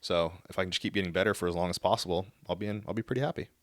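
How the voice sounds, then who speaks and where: A man's voice: sits low, steady tone, rapid-fire, no echo, clean studio sound. A man co-hosting a podcast, talking earnestly and rambling through his thoughts. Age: 30s. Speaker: podcast co-host, golf fitness coach. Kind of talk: casual podcast chat.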